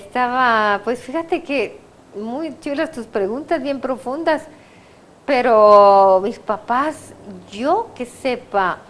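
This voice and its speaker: Excitable Guatemalan woman, laughing guest. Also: on the high side. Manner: excitable, laughing, stumbling over her words. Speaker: guest giving a testimony. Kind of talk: casual interview chat.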